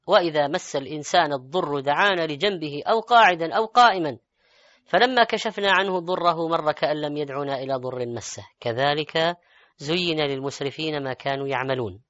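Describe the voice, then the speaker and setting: A man preaching in formal standard Arabic, with an eloquent, measured and rhetorical sermon delivery. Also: on the high side, fairly bright tone, no room sound, dull audio. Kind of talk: formal religious sermon with recitation of scripture and verse.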